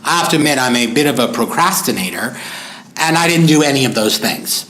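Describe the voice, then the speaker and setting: A man's voice: medium pitch, expressive, a little fast, fairly bright tone. A man co-hosting a pet podcast with a playful, self-deprecating sense of humor, asking questions between jokes. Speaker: podcast co-host. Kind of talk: casual podcast chat. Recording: roomy echoey podcast recording.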